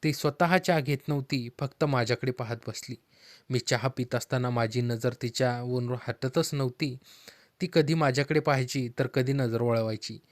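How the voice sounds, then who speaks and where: A man narrates a heartfelt story in the first person, calm and steady, at a middle pitch. The voice sounds dry and close, with no room around it. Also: moderate pace, dry recording.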